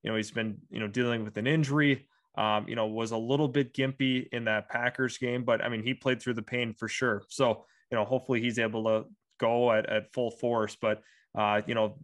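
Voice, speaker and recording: A man's voice: medium pitch, fairly even intonation, brisk. A young man co-hosting a sports show, giving casual game analysis with many fillers like "you know". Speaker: sports podcast co-host.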